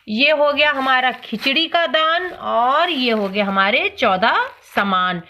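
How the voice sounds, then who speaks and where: A woman's voice: high-pitched, bright, forceful tone, a little hiss or hum. A woman hosting a cooking channel, narrating a casual home vlog and explaining each item as she counts it out. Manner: homely, explanatory, counting items aloud.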